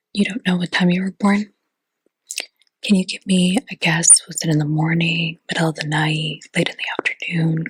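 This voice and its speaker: A woman's voice: lowish voice, fairly bright tone, husky, low-quality recording. A woman whispering in a chatty ASMR roleplay as a fortune teller, with lots of casual fillers.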